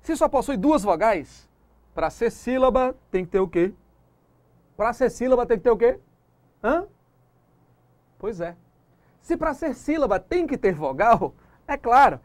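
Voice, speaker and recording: A man's voice: very high-pitched, dry recording. A man with a Brazilian Portuguese accent teaching a recorded exam-prep lesson, drilling points with call-and-response questions and putting on the student who asks them. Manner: plays the student asking himself questions.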